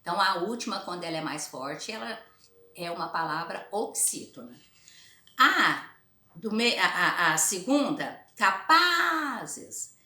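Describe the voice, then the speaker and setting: A slightly hoarse woman teacher with a Brazilian Portuguese accent, slowly walking children through a recorded lesson and often checking in with "né?". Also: medium pitch, echoey room. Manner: slow, lively, exaggerated pronunciation, frequent "né?".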